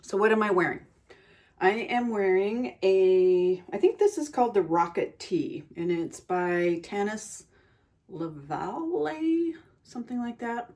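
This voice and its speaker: A woman hosting her own podcast, chatting in an unhurried way with frequent ums and pauses, recorded on a phone. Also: medium pitch, animated, a little mellow, dry recording. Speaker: podcast host. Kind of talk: casual chat.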